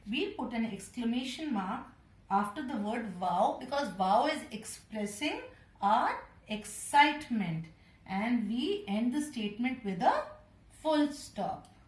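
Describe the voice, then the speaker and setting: Slow, patient Indian schoolteacher woman. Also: on the high side, lively intonation, recorded from a distance. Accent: Indian English. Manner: patient, addresses children directly. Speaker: primary school teacher. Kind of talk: slow classroom explanation. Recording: echoey room, voice from off-mic.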